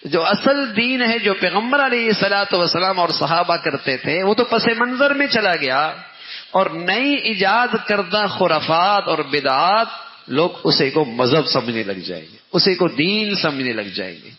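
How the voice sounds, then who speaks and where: A man delivers a Ramadan sermon, stressing his points by repeating them and swinging his voice up and down. His voice sits fairly high. The recording is dull and lo-fi, and a long reverb trails each phrase through a mosque hall. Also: expressive. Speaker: religious teacher.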